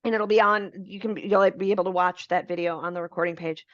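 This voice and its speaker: A woman's voice: on the low side, steady tone, fast, dry recording. Woman presenting a webinar over dull audio. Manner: explains features step by step, friendly and informal.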